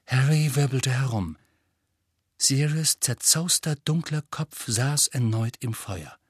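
A man reading an audiobook in a lively way, voicing each character. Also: medium pitch, slow pace, breathy edge, dry recording, studio quality. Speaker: audiobook narrator. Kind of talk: scripted audiobook narration.

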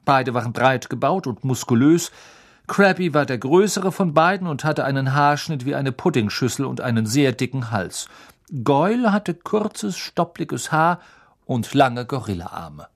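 A man reading a novel aloud as a narrator, expressive, and acting out each figure's voice. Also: mid-range voice, measured pace. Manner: animated, acts out every voice. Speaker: audiobook narrator.

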